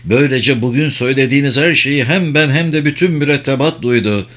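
A man voicing a male officer who speaks low, quiet and controlled. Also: brisk, natural voice. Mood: steady.

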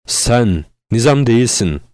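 A terrified young woman in a spoken story, held captive and speaking haltingly. A man plays her, his low voice lifted for her lines, recorded close with no room sound. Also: darkish tone, no echo, close to an everyday voice. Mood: frightened. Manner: halting, pleading.

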